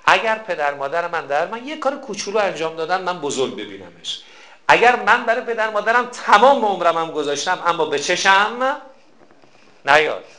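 A man giving a sermon on a prayer text, reciting its lines slowly and swinging between soft passages and loud, emphatic pleas. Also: high-pitched, sing-song. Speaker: preacher. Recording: roomy echo.

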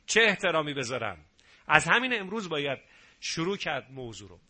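Bright-voiced preacher man. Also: a little high. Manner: animated, acts out quarrels between spouses. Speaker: preacher giving a nightly family talk. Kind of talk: sermon on family life.

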